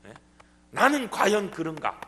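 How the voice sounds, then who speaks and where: A male pastor with a Gyeongsang dialect preaching a sermon, animated and full of rhetorical questions. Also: high voice, a little slow. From South Korea, Gumi area. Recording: long church hall reverb.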